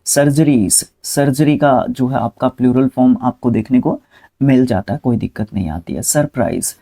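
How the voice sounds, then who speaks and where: Gravelly, mellow-voiced man teaching spellings. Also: mid-range voice, moderate pace. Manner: talks students through spellings, repeats words, corrects himself mid-word. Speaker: English vocabulary teacher. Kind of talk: casual spoken lesson.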